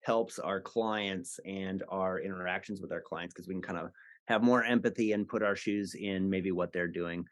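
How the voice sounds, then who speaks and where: A man hosting a casual podcast, relaxed and a bit hesitant, with lots of fillers. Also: low voice, normal speed, no room sound. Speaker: podcast host, company boss.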